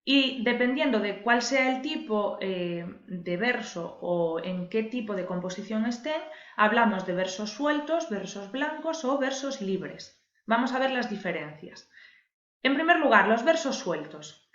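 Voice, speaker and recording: A woman's voice: a little high, expressive, a little slow, fairly bright tone. A woman teacher, patiently explaining a lesson and stressing key words for her viewers. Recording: echoey room, dull lo-fi sound.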